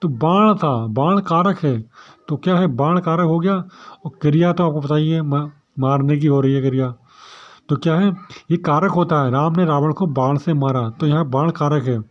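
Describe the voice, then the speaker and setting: Preparing students for an exam, a man teaches a grammar lesson, continually asking questions and answering them himself. His voice is on the high side at a moderate pace, and the lo-fi recording sounds dull.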